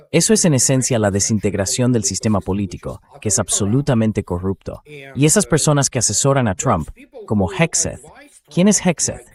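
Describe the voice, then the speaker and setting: Dubbed over an interview, a fairly low synthetic male voice with a slightly mellow quality plays a guest commentator. His take on politics and the military comes across as blunt, dismissive and sardonic, clearly the product of AI dubbing.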